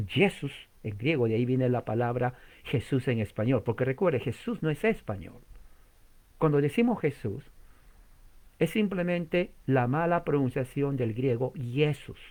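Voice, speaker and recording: A man's voice: medium pitch, expressive, measured pace, darkish tone. Male pastor, mid-range voice, didactic sermon style, rhetorical questions and emphatic repetition. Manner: teaching with many rhetorical questions, sudden emphatic rises; spells out and repeats words for emphasis.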